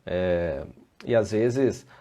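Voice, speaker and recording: A man's voice: deep voice, lively intonation, extremely slow, mellow. A Brazilian man, a safety engineer and trainer, giving a casual live online presentation and answering viewer comments as he goes. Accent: Brazilian Portuguese.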